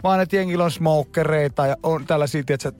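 A man's voice: on the high side, darkish tone. A man co-hosting a radio show, reading out jokes and news in casual banter with a dry delivery. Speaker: radio co-host.

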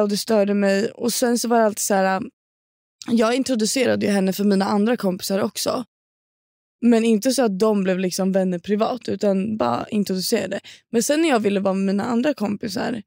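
Young swedish woman rambling through a story on a podcast, gravelly fry, dry close mic. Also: medium pitch, dark tone, dry recording. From Sweden. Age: young adult. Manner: storytelling, chatty with slang and swearing. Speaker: podcast co-host. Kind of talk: casual chat.

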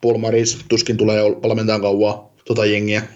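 A man's voice: lowish voice, completely flat delivery, a little mellow. A man co-hosting a casual podcast chat, rambling and thinking aloud with lots of fillers. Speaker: podcast co-host. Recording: dull lo-fi sound.

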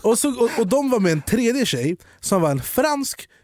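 A young man co-hosting a comedy podcast, telling a story with energy and acting out the other people's lines in quick changes of voice. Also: extremely high pitch, no echo, studio quality. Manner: animated, acts out dialogue with quick voice jumps. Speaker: podcast co-host.

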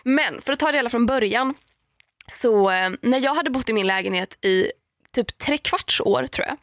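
A young woman casually telling a story on a podcast, lively, with many fillers and acted-out quotes. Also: fairly high pitch, no echo, clean studio sound.

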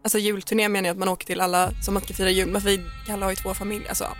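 A young woman co-hosting a podcast, telling a personal story in animated, quick casual chat and acting out what people said. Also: mid-range voice, faint music behind. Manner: animated, fast storytelling with acted-out quotes and laughter. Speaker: podcast co-host.

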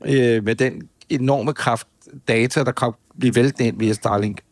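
A man's voice: medium pitch, fairly even intonation, dry recording, clean studio sound. Danish male co-host, chatty joker, rambling delivery, mid-range voice. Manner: chatty, joking, rambling with restarts. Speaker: podcast co-host. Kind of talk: casual chat.

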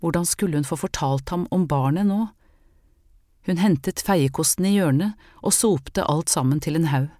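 A woman narrating a novel as an audiobook in a calm, measured way. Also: low voice, dry recording, clean studio sound.

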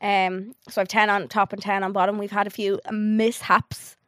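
A woman's voice: mid-range voice, flat delivery, normal speed, fairly bright tone, dry recording. Young irish woman, podcast co-host, slight lisp, chatty storyteller, dry close sound. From Ireland. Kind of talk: casual chat.

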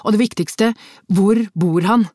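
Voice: medium pitch, no echo, voice pushed up, close to an everyday voice. A Norwegian audiobook reader voicing a male police chief who barks urgent orders, recorded close on a dry studio mic. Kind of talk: audiobook character voice.

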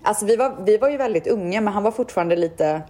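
A woman's voice: mid-range voice, animated, mellow. A young woman from Sweden chatting casually, animatedly retelling a story and quoting people.

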